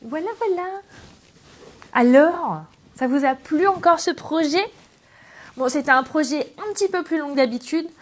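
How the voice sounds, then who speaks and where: A middle-aged woman hosting a casual scrapbooking tutorial, chatty and affectionate with her viewers as she works. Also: sits high. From France. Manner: chatty and affectionate, talks to viewers while working. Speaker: craft demonstrator and channel host.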